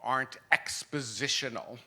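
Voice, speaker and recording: Guy in his 50s talking distribution on a panel, bright ringing voice, laughs a lot, keeps restarting. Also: mid-range voice, normal speed. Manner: animated, laughs often, frequent restarts. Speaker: film distributor on a festival panel. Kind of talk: panel discussion. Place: festival symposium panel stage.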